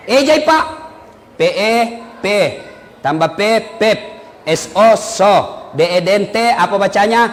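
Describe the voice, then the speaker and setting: A man preaching a humorous sermon, telling stories in an animated way and shouting the punchlines. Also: sits high. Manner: animated storytelling with loud punchlines. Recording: reverberant hall with faint background noise.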